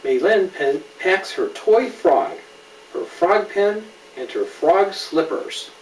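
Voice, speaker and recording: A father reads a story aloud to his child, patiently explaining and asking questions in casual asides. His voice is high-pitched, sing-song and slow, picked up by a distant mic in a roomy space with faint background noise.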